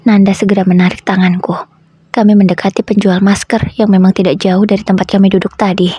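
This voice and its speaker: A woman with a husky voice narrating a first-person story in a plain, steady way. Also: mid-range voice, brisk, no echo.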